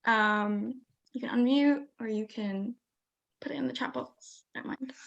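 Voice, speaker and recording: A woman's voice: on the high side, a little slow, vocal fry, dull audio. A young woman hosting a video call, chatting in a friendly, hesitant way with many ums. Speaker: host. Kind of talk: casual chat on a video call.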